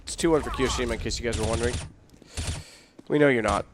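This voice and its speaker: A man's voice: medium pitch, fast talker. A man casting an esports match, teasing and joking in casual banter. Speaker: esports caster. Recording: game gunfire noise over voice. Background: clear gunfire and game sounds.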